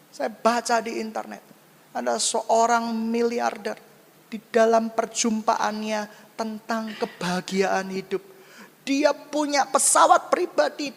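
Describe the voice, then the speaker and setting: A male pastor preaching a sermon, swinging between loud high exclamations and low hushed asides. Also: vocal fry, in a large hall.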